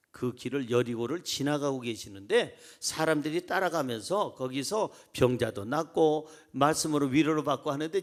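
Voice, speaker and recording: A man preaching a sermon as pastor, acting out voices and leading the congregation in reading aloud. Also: on the high side. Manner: animated, acts out crowd voices, calls congregation to read along.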